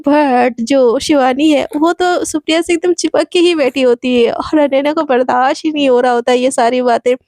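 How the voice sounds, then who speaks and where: High-voiced woman telling a story casually. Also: normal speed, few pauses, a little mellow, no room sound, clean studio sound. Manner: chatty, filler-laden narration.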